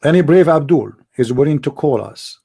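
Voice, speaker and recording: A man's voice: fairly high pitch, animated, moderate pace, gravelly, mellow, slightly rough. A man hosting a call-in religious debate show, firing off combative rhetorical questions in non-native English. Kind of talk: live-stream religious debate talk.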